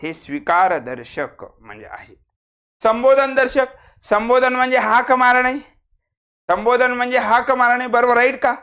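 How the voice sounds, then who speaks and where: A man teaching a grammar class online with a Marathi accent, acting out exclamations with expressive swings and teasing his students. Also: very high voice, measured pace, smooth. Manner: lively, acts out exclamations, teases students.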